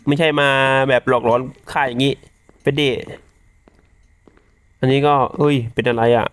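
A young man giving casual, excitable commentary while playing a horror game, swearing and talking back to the game's monsters. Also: mid-range voice, moderate pace, dry recording. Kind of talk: casual let's-play commentary.

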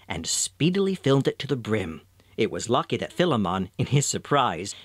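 Expressive male storybook narrator. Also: medium pitch, dry recording.

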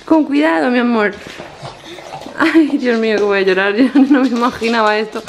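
A woman's voice: a little high, normal speed, a little hiss or hum. A woman from filming a casual home vlog, cooing and gushing in baby talk at her pets and child. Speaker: vlogger. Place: home living room.

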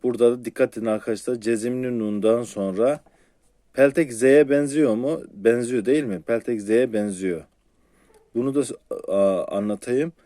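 Brief: male recitation teacher, low mellow voice, patient and repetitive, drills syllables one by one, dry close sound. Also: no echo. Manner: patient, repeats syllables slowly and asks the viewers questions. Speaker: Quran reading teacher. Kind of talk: step-by-step recitation lesson.

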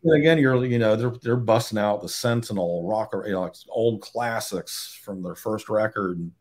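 A man in his forties from Georgia, USA, joins a video call from a room at home as a guest photographer, picked up by his webcam. His voice sits on the low side with a slightly mellow quality and a moderate pace. He chats casually, telling stories bluntly and swearing freely.

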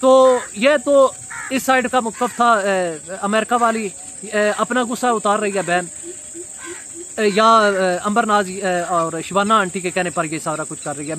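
A man in his thirties giving a casual commentary vlog outdoors beside a brick wall, recorded on a phone camera, pausing often with fillers. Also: sits high, fairly bright tone, a little hiss or hum. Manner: hesitant, many filler pauses. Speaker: vlogger. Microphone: phone camera at arm's length.

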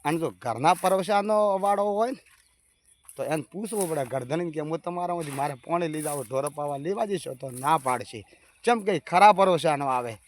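A man's voice: on the high side, moderate pace. A man gives a folk moral sermon. He hammers each point home with repeated phrases and keeps calling out to his listeners as brothers. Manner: repetitive, emphatic, addressing listeners as brothers.

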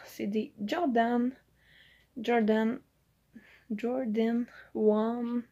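Extremely slow and steady, this young woman speaks in a warm, somewhat high voice with a Quebec French accent. She's a vlogger chatting casually through a haul, showing things to the camera with frequent fillers. Audio is dull and lo-fi, faintly noisy.

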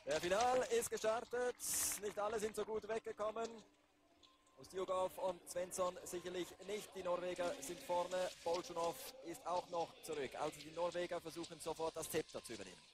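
A man doing live race commentary, building to excited calls near the finish. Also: high voice, moderate pace, noisy background. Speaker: sports commentator.

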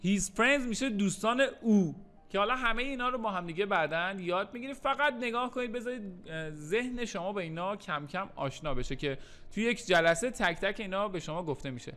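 Bright-voiced man teaching English. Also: high-pitched. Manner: addresses learners as kids, repeats English phrases slowly then explains; joking asides in a lively teaching voice. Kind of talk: recorded language lesson. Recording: faint music underneath.

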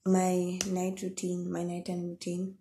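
A tired young woman from Namibia chatting to camera at the end of her vlog. Her voice is low-pitched and gravelly, with a mellow, dark tone. She rambles softly, with plenty of ums and yeahs. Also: completely flat delivery, a little slow, a little hiss or hum. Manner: soft, rambling sign-off with many fillers. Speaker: vlogger. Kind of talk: casual chat to camera.

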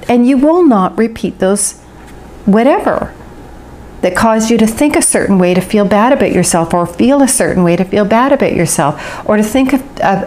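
A woman's voice: medium pitch, darkish tone, a little hiss or hum. Earnest woman giving a tarot reading. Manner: flowing, earnest, drawn-out emphatic words. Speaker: tarot reader. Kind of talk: intuitive tarot reading to camera.

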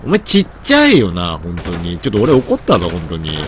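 A man's voice: deep voice, huge pitch swings, a little fast, a little hiss or hum. A man with a stuffy nose, doing gameplay commentary, grumbling to himself and mock-scolding characters in the game. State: stuffy nose from hay fever.

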